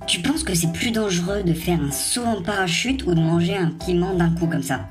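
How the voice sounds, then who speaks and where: A man as a squeaky pitched-up filter character. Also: moderate pace, music in the background. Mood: playful. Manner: playful, eager questions. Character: squeaky high-voiced filter alter ego, silly and teasing. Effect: pitch-shifted up by a phone filter.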